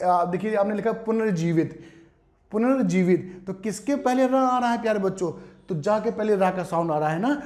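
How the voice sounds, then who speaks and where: A man's voice: sits high, a little mellow. A man teaching an exam-prep Hindi spelling lesson, explaining patiently, repeating words and asking his students rhetorical questions.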